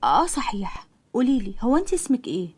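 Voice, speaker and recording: Woman doing a kind chatty young egyptian girl, quick and friendly. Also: a little high, sing-song, darkish tone, breathy edge.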